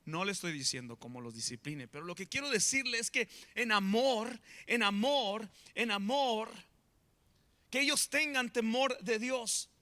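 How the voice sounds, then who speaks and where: A man preaching a sermon in an animated way, swinging between loud and soft. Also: high-pitched, normal speed, hardly any pauses. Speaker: pastor.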